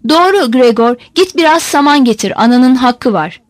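A woman's voice: high voice, lively intonation, normal speed, dry recording, clean studio sound. Bossy old fisherman father, read by a woman. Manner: bossy, impatient, commanding. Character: gruff old fisherman father giving orders.

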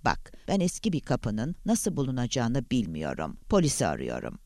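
A man's voice: medium pitch, wildly swooping pitch, normal speed, vocal fry, darkish tone, no room sound, studio quality. A man reading an audiobook voices a bewildered, alarmed male professor who answers defensively. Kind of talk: audiobook character voice.

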